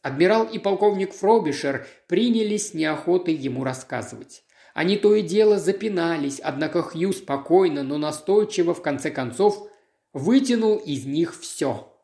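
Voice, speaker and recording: A measured, dramatic audiobook reading of a detective tale at a middle pitch. The voice sits in a roomy space with a clear echo around it. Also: animated, mellow. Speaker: audiobook reader. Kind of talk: scripted narration.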